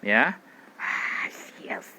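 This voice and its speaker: A middle-aged man teaching a public speaking class, demonstrating expressions and vocal drills with loud chants and quiet whispers. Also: drawn-out words, noisy background. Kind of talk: energetic training class.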